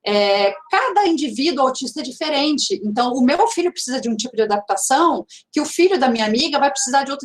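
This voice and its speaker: A woman with a mixed Brazilian regional accent and a slightly raised pitch speaks at an online seminar over a video call. She talks in a relaxed, chatty way, with many fillers and restarts along the way. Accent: mixed regional Brazilian Portuguese accent. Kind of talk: online seminar talk answering questions.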